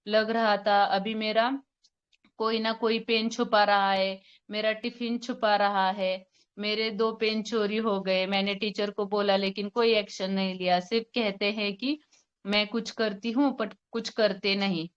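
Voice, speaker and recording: Young woman doctor, smooth and fairly high voice, slightly muffled lo-fi audio, retelling a consultation for colleagues. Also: little pitch movement, unhurried. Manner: retells a patient consultation, quoting both sides, with hesitant fillers. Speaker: homeopathic doctor. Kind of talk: case presentation to a forum.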